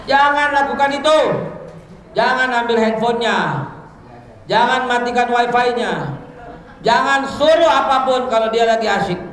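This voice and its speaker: Animated preacher in an echoey hall. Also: male voice, very high-pitched. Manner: animated, acts out parents and children, sings snatches, quotes Arabic. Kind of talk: lively sermon to parents. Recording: echoey hall with faint noise.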